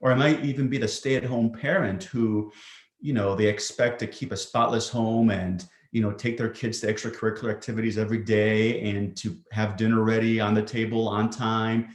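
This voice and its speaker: A male psychiatrist answering interview questions thoughtfully, often pausing with ums and restarting sentences. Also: lowish voice, fairly even intonation. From Greece. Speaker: psychiatrist guest. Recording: roomy echo.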